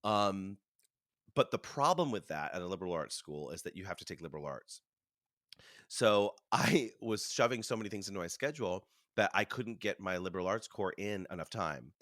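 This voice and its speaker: A man in his thirties, a Broadway performer talking as an interview guest, telling animated stories and chewing food as he talks. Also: deep voice, normal speed, no room sound, studio quality. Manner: animated storytelling, acts out voices, chuckles. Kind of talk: casual conversational interview.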